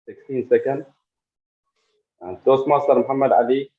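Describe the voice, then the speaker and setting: Male meeting timer, monotone list-like report, thin telephone-quality sound. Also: medium pitch, moderate pace. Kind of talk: formal timing report.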